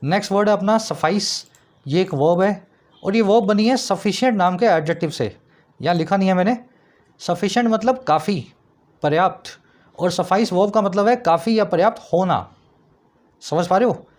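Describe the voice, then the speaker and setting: A man teaching English vocabulary, explaining words patiently and reading example sentences slowly. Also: high voice, a little mellow. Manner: explanatory, asks students rhetorical checks, reads example sentences slowly. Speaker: English tutor.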